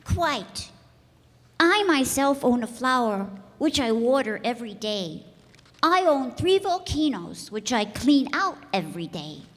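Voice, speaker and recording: A woman's voice: high-pitched, full character voice. A woman playing an earnest, curious little boy prince from another planet in a radio play, persistently asking questions. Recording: echoey hall, music behind.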